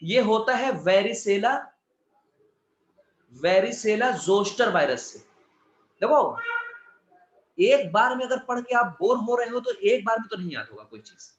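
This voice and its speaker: A man's voice: high-pitched, animated, unhurried, long pauses, reverberant, dull audio. A male biology teacher giving a chatty exam-prep lecture with words, asking his students' questions in his own voice.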